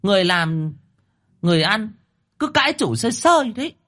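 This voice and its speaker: A man's voice: sing-song, brisk, pushed and bright, exaggerated voice. A man voicing a cruel second wife who calls out scornfully. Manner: shrill, scornful.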